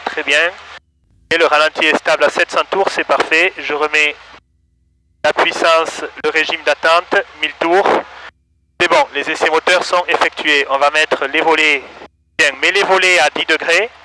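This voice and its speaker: A male flight instructor talking over a cockpit headset, working through checklists in a calm, methodical way. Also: fairly high pitch, normal speed. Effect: pilot talking over a cockpit headset. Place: small plane cockpit. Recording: loud engine noise behind.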